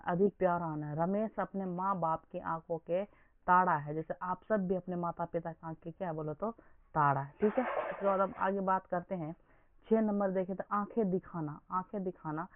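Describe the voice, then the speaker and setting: Quizzing his listeners again and again, a young man leads an exam prep lesson in a high, steady voice at a slightly fast pace. The sound is dry and phone-like lo-fi, with no echo.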